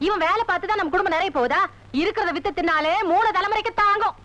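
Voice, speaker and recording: An actress playing a doting, sharp-tongued village mother in a film. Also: very high-pitched, fast talker. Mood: defensive. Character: doting village mother, middle-aged woman. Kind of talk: Tamil film acting. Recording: dull lo-fi film soundtrack with music.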